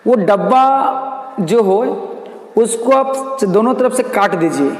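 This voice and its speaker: Male math teacher, high voice, lecturing in a reverberant room and repeating key terms. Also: animated, slow. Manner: repeats key terms, asks and answers own questions. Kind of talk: classroom lecture. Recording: echoey room with long reverb.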